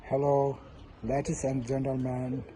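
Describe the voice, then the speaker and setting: A mountaineer from Nepal gives a short greeting in simple, halting English. He speaks slowly in a flat, very dark voice, with faint noise behind. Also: mid-range voice, poor audio. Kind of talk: recorded video greeting.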